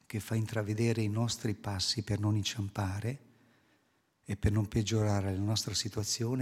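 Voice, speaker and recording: A man delivers an earnest sermon, his voice low and a little husky. He explains scripture and puts rhetorical questions to his listeners. A long reverb trails his words through the hall. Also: a little mellow. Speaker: preacher.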